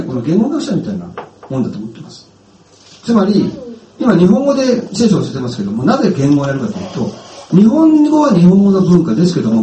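A middle-aged man, a pastor, giving a chatty sermon and asking his listeners questions, heard from a distance in an echoey room. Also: high-pitched. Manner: chatty, animated, asks the audience questions. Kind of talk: casual sermon with film anecdote.

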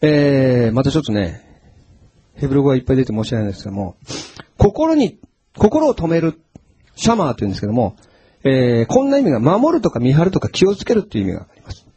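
A man preaching a sermon as a pastor, telling Bible stories in an animated way and acting out the quotes. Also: medium pitch, quick pace, breathy edge.

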